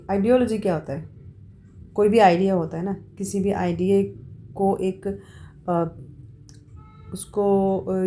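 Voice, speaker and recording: Slow-talking woman tutor. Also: mid-range voice, dark tone. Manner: explains slowly, mixing Hindi with English read-outs, many fillers. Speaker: exam tutor. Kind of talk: informal exam-prep lesson.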